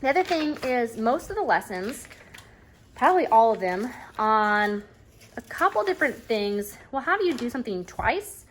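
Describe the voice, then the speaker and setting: A woman's voice: fairly high pitch, big pitch swings, moderate pace. A woman, a homeschooling mother, chatting casually at home about a reading curriculum, rambling and often saying "anyways.". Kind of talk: casual chat review. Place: at home at a table. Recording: faint background noise and clicks.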